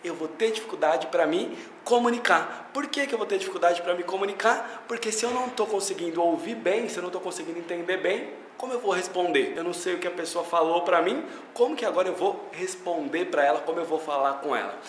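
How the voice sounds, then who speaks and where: A man's voice: high voice, fast, echoey room, slight background noise. A man with a Brazilian Portuguese accent giving a casual video lesson as an English teacher, chatty and talking straight to the viewer. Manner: chatty, addresses viewer directly.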